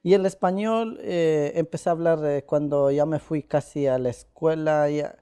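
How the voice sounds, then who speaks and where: Soft-toned man. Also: fairly high pitch, clean tone. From Ecuador. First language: Quichua. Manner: halting, with many pauses and "eh" fillers. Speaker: interviewee. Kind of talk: casual conversation.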